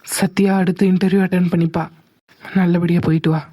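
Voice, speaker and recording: A woman voicing a calm young husband. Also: lowish voice, fairly quick, breathy edge, dry recording. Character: young husband and dutiful son. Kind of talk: cartoon voice acting.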